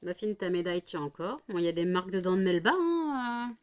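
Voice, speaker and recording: A woman's voice: lowish voice, big pitch swings, fairly quick, highs cut off. A worn-out woman from France in a casual home vlog, cooing baby talk to her dogs after one hour of sleep. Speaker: vlogger.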